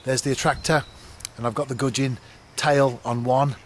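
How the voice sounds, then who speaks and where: A middle-aged man casually explaining his fishing to a handheld camcorder outdoors on a canal bank, relaxed and chatty with frequent ums. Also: mid-range voice, normal speed. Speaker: angler vlogger. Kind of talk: casual fishing vlog to camera. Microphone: camcorder at arm's length. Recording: outdoor camcorder with clear background noise.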